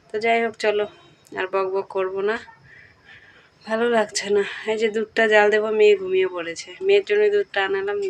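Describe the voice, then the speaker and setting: A young woman vlogger chatting casually through a home voice-over, speaking softly and often checking in with her viewers. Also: mid-range voice. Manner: speaks softly late at night. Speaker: daily-life vlogger.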